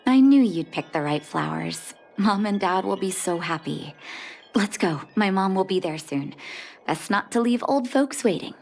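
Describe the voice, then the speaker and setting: A woman's voice: medium pitch, lively intonation, moderate pace, gravelly, a little mellow. An actress playing a caring young woman doctor reuniting with her mother, earnest and emotional, over game music. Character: grown daughter, a caring doctor. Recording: game score underneath.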